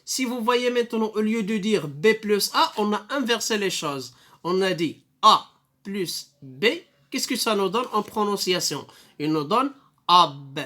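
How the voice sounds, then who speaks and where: A man with a Moroccan accent giving an online reading lesson, explaining slowly and patiently and repeating each sound. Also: sits high, bright, forceful tone. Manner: slow, patient explanations with many repetitions; drawn-out sounds when spelling. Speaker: teacher.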